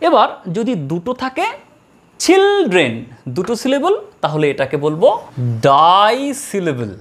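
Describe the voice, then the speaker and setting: A woman teaching an English grammar lesson, slowly drawing out model words and repeating them for her students. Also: fairly high pitch, very animated, darkish tone. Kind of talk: classroom lesson.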